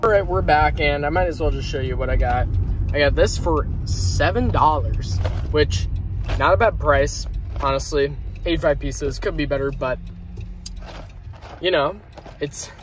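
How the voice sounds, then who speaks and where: Brief: male vlogger, slightly high voice, offhand chatter, phone mic with clear car and street noise behind. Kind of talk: casual vlog chat. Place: car and outdoors. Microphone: handheld phone camera.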